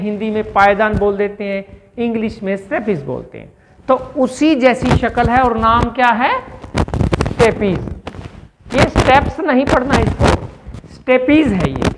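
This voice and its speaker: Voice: mid-range voice, big-room sound, noisy background. A teacher giving a step-by-step classroom science explanation and checking in with listeners through questions.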